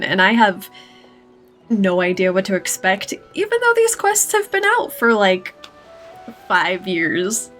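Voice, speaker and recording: A woman's voice: on the high side, fairly bright tone. A woman chatting about game lore as she plays, in an upbeat, chatty way. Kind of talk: lore playthrough with read-aloud voices.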